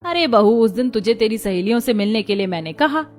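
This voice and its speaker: A woman's voice: a little high, animated, fairly quick, darkish tone, close to an everyday voice. A woman voicing a strict but caring middle-aged mother-in-law in a cartoon, with a commanding, scolding manner. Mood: explaining.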